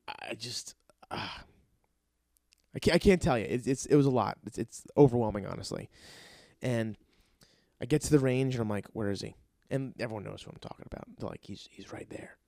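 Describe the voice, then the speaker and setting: Young man, casual storytelling, excitable and profane, dry close sound. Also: mid-range voice, no echo. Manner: excitable, profane, acts out quotes in other voices. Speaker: golf caddy telling a story.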